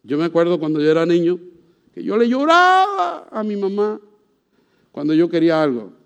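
Puerto Rican pastor with a high tenor voice, lively, talks straight to his congregation. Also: moderate pace. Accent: Puerto Rican Spanish. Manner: animated, asks the congregation questions. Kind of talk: sermon.

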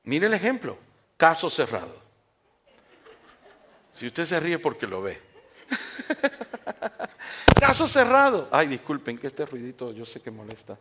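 A man preaching a sermon in a church, switching between loud emphatic lines and quiet asides, and using mocking voices for the people he quotes. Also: medium pitch, lively intonation, normal speed, pauses often, slightly rough.

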